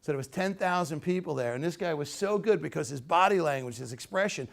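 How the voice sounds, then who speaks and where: A man teaching public speaking at a live workshop, energetic and demonstrative, leading the group in call-and-response. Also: fairly high pitch, fast, gravelly. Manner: demonstrative, acts out postures and tones.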